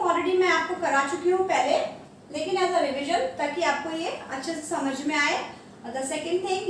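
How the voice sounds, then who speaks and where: High-voiced Indian woman teaching in an echoey room. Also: distant mic. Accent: Indian English. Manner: spells words letter by letter, calls pupils beta. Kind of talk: online class lesson. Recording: echoey room, away from mic, faint background hum.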